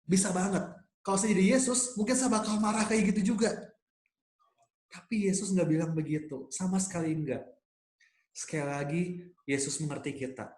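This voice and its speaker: A man preaching a sermon as pastor, earnest and mixing in English phrases. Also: on the high side. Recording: roomy echo.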